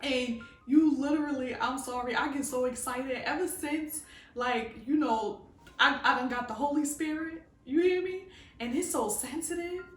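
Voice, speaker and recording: A woman's voice: high-pitched, normal speed, reverberant, far from the mic, faint music behind. A woman giving a fervent, preachy faith talk to camera, calling her listeners "baby" and asking if they hear her. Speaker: faith vlogger.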